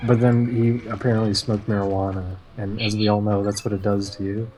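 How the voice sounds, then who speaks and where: Low-voiced man recapping a cartoon. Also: little pitch movement, warm tone, soft background music, low-quality recording. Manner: rambling storytelling with frequent "uh" pauses. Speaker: stream co-host. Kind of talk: casual chat recapping cartoons.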